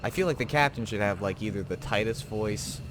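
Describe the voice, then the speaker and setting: Low-voiced man rambling over a game. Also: fairly quick, noisy background. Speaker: gaming video host. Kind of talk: casual game commentary.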